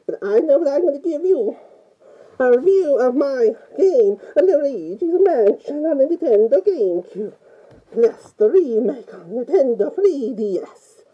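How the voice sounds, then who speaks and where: This fan takes on the role of a fearful Italian plumber, a woman putting on an Italian accent while nervously rambling through a game review. She says "oh" and "mamma mia" a lot. Her high voice is sing-song and unhurried, and the audio's highs are cut off.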